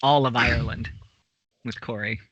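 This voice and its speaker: A man's voice: mid-range voice, fairly even intonation, normal speed, fairly bright tone, husky, no room sound, dull audio. A man playing in a tabletop game, joking around and swearing casually. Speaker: player.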